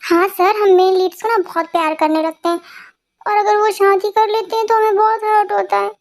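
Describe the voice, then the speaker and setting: Female dubber as a weepy young employee, high thin voice, timid. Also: level tone, brisk. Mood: meek. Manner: sniffly, meek. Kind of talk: amateur dubbed fan story.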